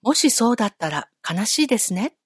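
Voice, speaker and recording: A woman telling a Bible story to children, gentle and friendly, asking her young listeners questions along the way. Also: a little high, big pitch swings, fairly quick, slightly rough, dry recording.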